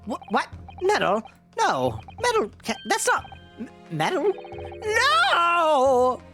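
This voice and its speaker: A man voicing an excitable, self-important scientist professor from a video game, fussy and quick to get flustered. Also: high-pitched, soft background music, voice pushed up. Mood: flustered shock. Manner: pompous, fussy, stammering when flustered. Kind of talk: video game dialogue read aloud.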